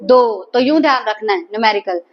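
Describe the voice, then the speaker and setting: A woman's voice: a little high, fairly quick, dull audio. A woman teaching a biology class, asking her students questions and repeating their answers. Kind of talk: classroom lecture.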